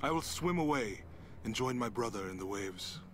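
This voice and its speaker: An actor playing a big, gentle, loyal crewman in an adventure game, speaking in a sincere manner. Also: mid-range voice, expressive, moderate pace, slight background noise, natural voice. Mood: brooding, reflective. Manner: sincere, reassuring.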